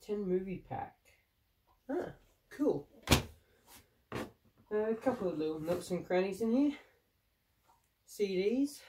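A young vlogger with a cold-stuffed nose chats and rambles, full of fillers, while unboxing old gear in a cluttered room. His voice is high with lively intonation, and he talks slowly with long pauses. He sits far from the mic, and the background is noisy.

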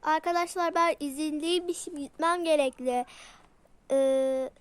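A woman's voice: sits high, fairly even intonation, a little slow. A woman doing a toy role-play, voicing several pet characters and switching between playful character voices. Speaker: toy video creator.

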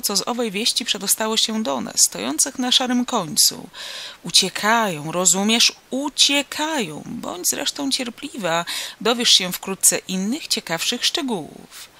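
A woman reading aloud voices an excitable male bystander in a storybook crowd, shouting rumours with emphatic repetition. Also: high voice, normal speed, creaky, pitched above the performer's own voice, full character voice. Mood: excited shouting.

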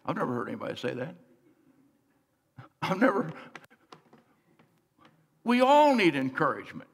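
A middle-aged man preaching a sermon as pastor, earnest, swinging between soft and emphatic delivery. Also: a little high, huge pitch swings, normal speed, creaky, a little hiss or hum. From United States. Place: large church sanctuary, on stage. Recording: long church hall reverb.

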